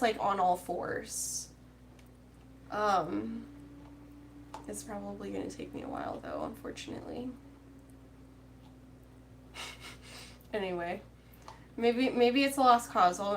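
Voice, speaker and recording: A woman's voice: a little high, lively intonation, a little slow, long pauses, slight background noise. Chatty woman crafting and talking to viewers. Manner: chatty and rambling, reading out viewer comments, many fillers. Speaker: crochet vlogger chatting with live viewers. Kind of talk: casual crochet-along chat.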